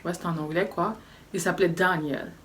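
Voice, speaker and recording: A woman's voice: lowish voice, fairly even intonation, a little fast, a bit bright, slight background noise. A young woman vlogger telling a story, animatedly acting out what people said. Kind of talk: storytime vlog.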